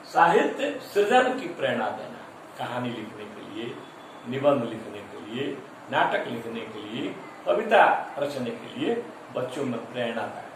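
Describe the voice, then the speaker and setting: A man giving a classroom lecture, listing points one by one and stressing syllables to show pronunciation. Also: on the high side. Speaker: teacher-training lecturer. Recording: echoey room from far off, faint noise.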